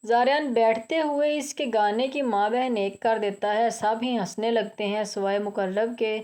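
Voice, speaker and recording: A woman's voice: fairly high pitch, fairly even intonation, normal speed, a little mellow. A woman narrating a romance novel in a scripted reading style, with an Urdu-inflected accent and light shifts for the dialogue. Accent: Urdu-inflected Hindustani.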